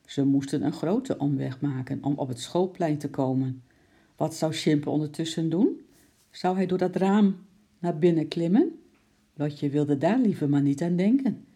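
A storyteller reading a children's story aloud in a calm, steady narration. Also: medium pitch, a little slow, breathy edge.

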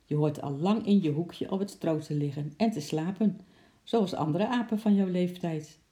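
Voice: mid-range voice, moderate pace, dark tone, natural voice. The storyteller voicing a friendly young male zookeeper who talks kindly to a little monkey. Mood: kindly teasing.

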